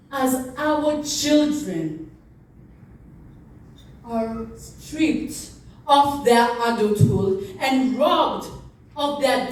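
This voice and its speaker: High-voiced woman reciting slowly, heavy echo. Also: a little mellow. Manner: impassioned, oratorical, with deliberate pauses and repetition. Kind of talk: dramatic recitation of a famous speech. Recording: very echoey, distant from the mic.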